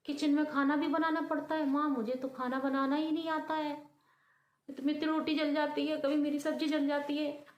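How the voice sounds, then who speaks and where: Lady doing a whiny spoiled young wife, high pitched, sulky, echoey room. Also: flat delivery, moderate pace, natural voice. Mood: tearful whining. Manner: complaining, sulky. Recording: roomy echo.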